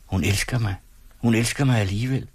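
En mand, der læser en genert og alvorlig forelsket ung mand i en lydbog. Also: male voice, fairly low pitch, husky, dry recording, pitched above the performer's own voice. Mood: elated. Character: shy, earnest young man in love.

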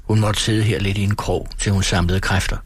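A man reading a novel aloud as an audiobook narrator, calm and steady. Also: on the low side, slightly rough. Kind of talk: scripted narration.

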